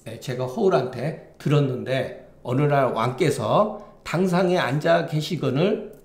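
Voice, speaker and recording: Man, classics lecture, halting delivery, somewhat high voice, roomy echo. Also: darkish tone. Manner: halting, many restarts and "예" fillers. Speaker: classics teacher. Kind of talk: lecture on classical Chinese text.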